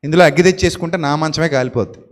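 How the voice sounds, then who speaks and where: A male pastor preaching a sermon, animated, with many rhetorical questions and playful mock quotes. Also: a little high, racing, in a large hall.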